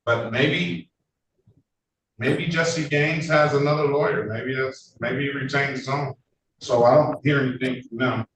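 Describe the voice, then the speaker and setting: A man's voice: medium pitch, fairly even intonation, fairly bright tone. Man judging, echoey courtroom recording. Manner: brisk, procedural, chatty asides. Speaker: judge. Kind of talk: courtroom proceedings. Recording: echoey courtroom, distant mic, faint noise.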